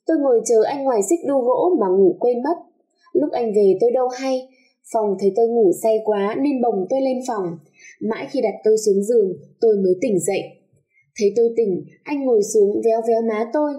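A woman storyteller narrating a love story dramatically, slowing down for tender moments. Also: fairly high pitch, warm tone.

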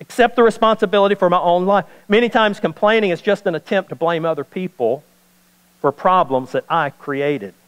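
A man's voice: sits high, fairly quick, fairly bright tone, clear, resonant tone, big-room sound, rough recording. A man preaching a sermon as pastor, repeating key points for emphasis.

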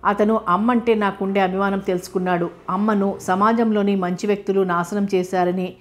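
Troubled young woman, earnest, pleading, read by a woman, mid-pitched, audiobook. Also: fairly even intonation, fairly quick, close to an everyday voice. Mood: subdued.

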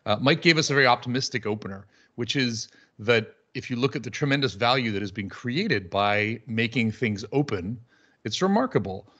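A man gives witty, conversational remarks on a video call at an ordinary pitch for a man. The audio comes through somewhat dull and muffled, like a low-fidelity call. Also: animated, normal speed, sharp tone, husky. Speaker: panelist. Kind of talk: conference talk on a video call.

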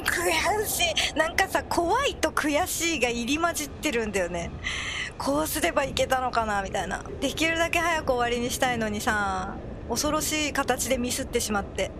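Very high-pitched excitable woman gamer. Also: noisy background. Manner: excitable, cries out when scared. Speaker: video game player. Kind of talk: horror game playthrough commentary.

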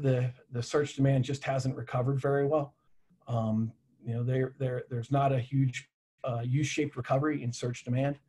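A man's voice: mid-range voice, darkish tone, breathy edge. A man in his thirties presenting travel data on a webinar video call from a home office, casual and full of fillers and restarts.

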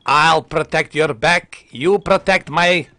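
A thirties-aged man streams a game from his home, joking around, swearing and poking fun at his chat. His voice sits on the high side, pushed and bright, and he speaks slowly into a headset with a large foam mic.

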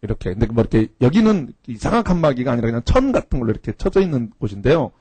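A man's voice: mid-range voice, very animated, racing, warm tone, husky, no room sound. A man teaching a cram school class, telling a funny story to his students in a casual, slangy way. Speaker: cram school English instructor.

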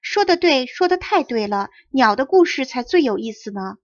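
Excited chattering birds, high and loud woman reader, dull audio. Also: moderate pace, dry recording. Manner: noisy, excited. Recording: dry dull close recording.

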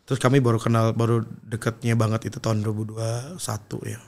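A man's voice: on the low side, flat delivery, fast, a little mellow. A young adult man, a pastor and guest, telling his story in an earnest, reflective way in casual conversation.

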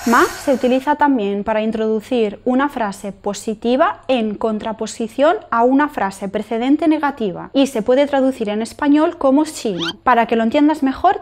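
A woman teaching grammar, explaining patiently and reading example sentences slowly. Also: a little high, slight background noise. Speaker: language teacher.

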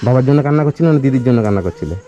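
A man's voice: medium pitch, expressive, rapid-fire, dark tone, highs cut off. A young man interviewing villagers outdoors, coaxing and repeating his questions. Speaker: charity vlogger host. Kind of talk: casual on-location interviewing.

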